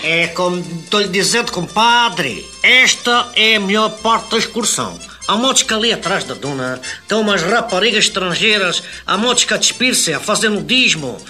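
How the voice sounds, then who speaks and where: A man's voice: high voice, expressive, moderate pace, few pauses, sharp tone, soft background music, heavily acted. A man playing an eager, mischievous country day-tripper in a radio comedy sketch. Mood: coaxing.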